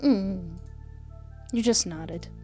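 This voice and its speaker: Her voice sits in the mid-range, warm and extremely slow, as she hosts a let's play, shifting from theatrical read-aloud passages to relaxed commentary. The young woman is recorded up close on a desk mic with a headset, over background music.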